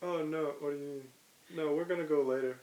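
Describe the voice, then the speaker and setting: A man in casual family chat, answering in quick, reassuring replies. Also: fairly high pitch, fairly even intonation, a little mellow. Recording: roomy, faint hiss.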